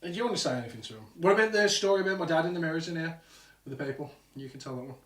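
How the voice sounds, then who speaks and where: A man hosting a live ghost hunt at night, telling an animated, sweary story in casual talk. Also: fairly high pitch, very fast, far from the mic. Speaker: paranormal show host. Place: old house at night. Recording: echoey room, off-mic.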